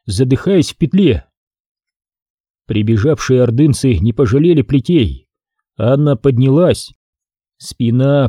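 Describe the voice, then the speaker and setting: A man narrates a historical novel in a measured, dramatic reading, his voice very dark and husky. His pitch moves in lively arcs with the story. The close-miked recording is completely dry, with no room sound. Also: dry recording. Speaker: audiobook narrator. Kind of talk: scripted narration.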